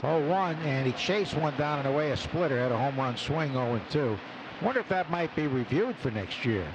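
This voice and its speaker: Amid loud stadium ambience, a radio announcer gives live baseball play-by-play from an open booth at an outdoor park. His fairly high voice is animated and fairly quick, and the noisy recording has its highs cut off.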